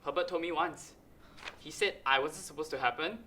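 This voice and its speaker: An actor playing a sulky, defensive youngest brother in a stage play. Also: male voice, on the high side, normal speed, bright, forceful tone, slight background noise. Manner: sulky, whiny. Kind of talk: stage acting.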